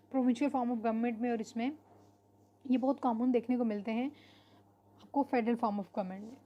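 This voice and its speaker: A woman teaching an online class. Her voice sits fairly high yet sounds mellow and warm. She explains in an unhurried way and pauses on fillers. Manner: explanatory, mixes English terms into Hindi-Urdu, frequent fillers. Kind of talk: online lecture.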